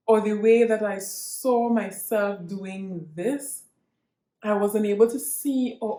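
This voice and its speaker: A Trinidadian woman vlogs to her viewers in an earnest, reflective monologue, often restarting and repeating herself as she gathers her thoughts. Her voice is mid-range with a darkish tone, recorded in an echoey room.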